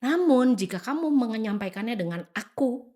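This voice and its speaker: A woman from Indonesia, a podcast guest giving casual advice. She talks in an animated way, acts out quoted lines of dialogue, and mixes English phrases into her speech. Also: on the high side, normal speed.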